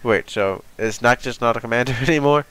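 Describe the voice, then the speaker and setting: A man's voice: medium pitch, brisk, a bit bright, clean tone, rough recording. A young man with a stuffy nose from being sick, rambling and thinking aloud as he reacts to a comic chapter. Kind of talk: casual live reaction.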